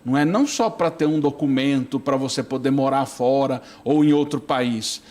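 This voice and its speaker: A man's voice: mid-range voice, normal speed, darkish tone. A middle-aged man, a priest on a talk show, chatting loosely and keeps tagging his sentences with a question for agreement. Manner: chatty, keeps asking "não é?". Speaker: priest, studio guest. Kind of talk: casual talk-show conversation.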